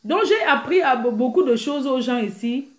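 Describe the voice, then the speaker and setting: Brash, teasing female stream host with a high voice, recorded in an echoey room. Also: normal speed. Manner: brash, teasing, laughs often; animated, mimics crying sounds. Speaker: live-stream host answering viewers. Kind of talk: casual live-stream chat.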